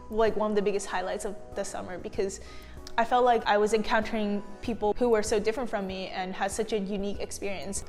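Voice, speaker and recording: A woman's voice: mid-range voice, a little mellow. A young woman student interviewer speaking casually, with "like" as a frequent filler. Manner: casual, says "like" often. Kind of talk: interview testimonial. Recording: reverberant room.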